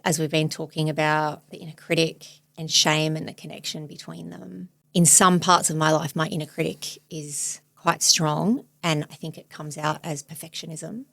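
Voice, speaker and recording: A woman in her forties, a therapist hosting a podcast, speaking thoughtfully and searchingly in a soft, reflective way. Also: low-pitched, creaky, no echo. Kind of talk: reflective therapy demonstration chat.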